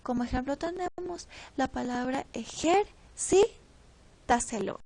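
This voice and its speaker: A teenage girl reading a class presentation from notes, pausing and stumbling over words now and then. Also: high voice, darkish tone, low-quality recording. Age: teens. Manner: reads from notes with pauses and slips. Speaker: student presenter.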